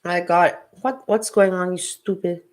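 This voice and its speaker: A woman's voice: fairly low pitch, fairly even intonation, normal speed, darkish tone. A woman with a non-native English accent, hosting a casual livestream and talking bluntly, with heat and free swearing. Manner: blunt, heated, swears freely. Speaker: livestream host. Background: music playing.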